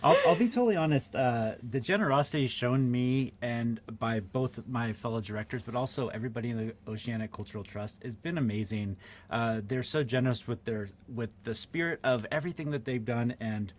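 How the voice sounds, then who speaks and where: A man's voice: mid-range voice, a little fast, a little hiss or hum. A man film director answering interview questions in an enthusiastic, candid way.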